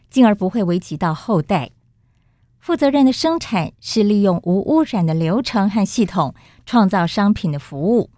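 A Taiwanese woman presents as a radio host, speaking through a face mask that slightly muffles her words. Her tone is mellow and dark, and the studio sound is close and dry. She moves between scripted introduction and interview hosting. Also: medium pitch, no echo.

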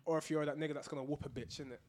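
High, quick London street-talking man. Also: fairly even intonation, a little mellow, slight background noise. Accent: London, urban street. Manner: insistent, repeats himself. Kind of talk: casual group debate, heavy slang.

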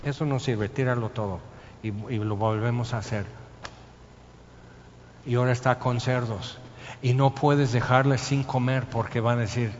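A man preaching a sermon, telling the story lively and acting out scenes and sounds. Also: medium pitch, moderate pace, pauses often. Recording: muffled sound in a reverberant hall with faint noise.

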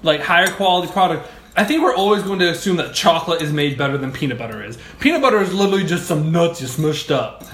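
A man's voice: on the high side, expressive, quick pace, a bit bright, roomy sound. A man co-hosting a casual chat, joking and arguing his points in comic lists. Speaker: podcast co-host.

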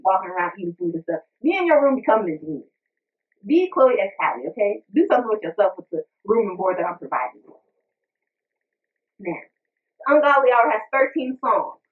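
A woman giving a casual, animated music review, chatting and breaking into little sung bits. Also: medium pitch, a little fast. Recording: tinny phone-like sound, distant mic.

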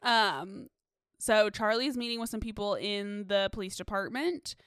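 A woman's voice: mid-range voice, a little slow, fairly bright tone, clear, resonant tone, dry recording, studio quality. A woman co-hosting a podcast, recapping a film in casual chat, swearing and filling with "um" and "like". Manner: swearing, filler-heavy, recapping scenes. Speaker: podcast co-host.

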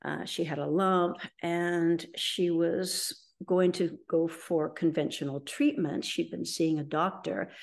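Low-voiced middle-aged woman telling her story. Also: steady tone, slow pace, gravelly, hardly any pauses. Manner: rambling, with frequent ums and restarts. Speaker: interview guest. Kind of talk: conversational storytelling.

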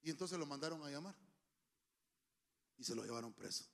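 A man preaching a sermon, emphatic and humorous, with sudden shouts, into a handheld microphone. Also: fairly high pitch, animated, fairly quick, gravelly. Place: church.

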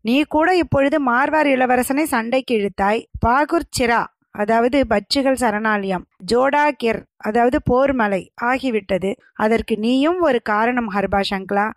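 A woman voicing a frail old male hermit who speaks in a soft, feeble, dreamy voice in a told story. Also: on the high side, measured pace, no room sound, clean studio sound. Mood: solemn.

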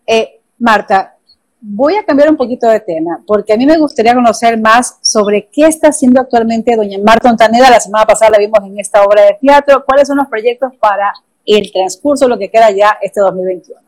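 A woman's voice: fairly high pitch, brisk, rough recording. A woman hosting a live streamed talk show, reading out viewers' greetings and steering the conversation between her guests.

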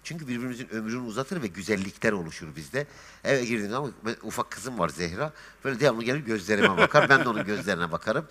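A man talks fast and with lots of swing in his voice, spinning little stories and slipping into the voices of the people in them. His tone is bright and forward, the easy manner of a guest swapping tales on a talk show. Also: fairly low pitch. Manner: lively storyteller, acts out dialogue. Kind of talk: casual chat.

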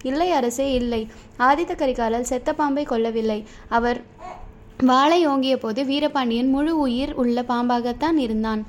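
A woman's voice: high-pitched, normal speed, a little hiss or hum, close to an everyday voice. A woman voicing an earnest, respectful young male warrior in a storybook reading. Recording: dull lo-fi recording.

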